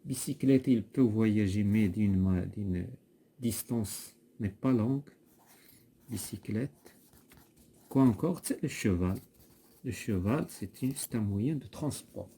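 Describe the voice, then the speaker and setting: A male teacher with a Moroccan accent leads a classroom poetry lesson. He speaks slowly and patiently, repeating and correcting his pupil's answers. His voice is very dark and a little husky. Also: lowish voice.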